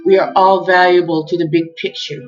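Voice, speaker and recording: A woman giving an earnest, heartfelt spiritual message, measured and addressing her listeners warmly as beloveds. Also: on the low side, level tone. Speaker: spiritual speaker. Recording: dull lo-fi recording with faint music.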